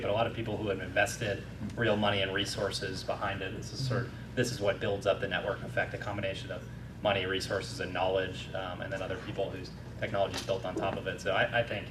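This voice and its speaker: Low flat-voiced man, fast panel talk. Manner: measured, explanatory, hesitant fillers. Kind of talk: conference panel answer. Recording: distant echoey hall with noise.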